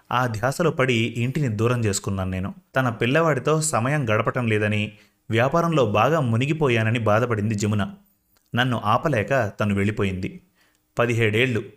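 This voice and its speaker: A man narrating a first-person story in a reflective, emotive manner. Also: mid-range voice.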